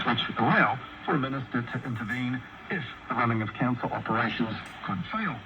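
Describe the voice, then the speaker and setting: Lively New Zealand man through noisy shortwave. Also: medium pitch, dull audio. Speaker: radio presenter. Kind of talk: scripted media commentary. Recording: shortwave radio, loud interference.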